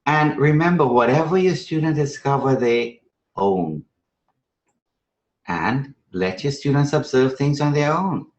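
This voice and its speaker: A man from Trinidad and Venezuela leads a live math strategy session for teachers, conversational and emphatic, asking rhetorical questions and checking in often. His voice is a little high, and the recording is muffled with echoey room sound.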